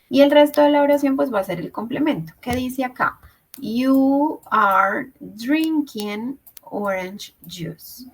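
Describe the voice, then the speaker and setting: A woman teaches English grammar in an online class, walking through each rule patiently. Her voice sits on the high side. She keeps checking that her students follow. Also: poor audio. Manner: patient, explains step by step, checks with "¿listo?". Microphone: video call.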